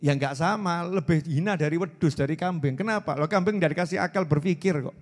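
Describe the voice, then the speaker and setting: A man in his forties giving a lively, joking sermon and quizzing his audience. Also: a little high, a little fast, long reverb tail. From Indonesia. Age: 40s. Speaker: preacher. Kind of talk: religious sermon to a live audience.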